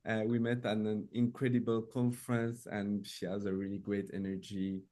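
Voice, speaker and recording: A man's voice: fairly low pitch, flat delivery, moderate pace, dark tone. A man with a French accent hosting a live-streamed interview, speaking enthusiastic, loosely worded English. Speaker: host.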